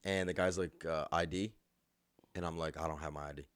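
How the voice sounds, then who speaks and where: A young man with a deep, low voice rambles through a story on a casual podcast. He swears freely and jokes as he goes. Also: steady tone, a little fast, no echo. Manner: profane, rambling, jokey storyteller. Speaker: podcast co-host.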